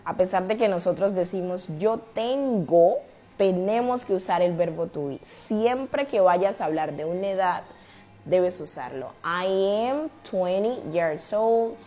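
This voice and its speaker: A woman explaining English grammar to learners, slowing down to spell out each example sentence. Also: medium pitch, a little mellow. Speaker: English teacher.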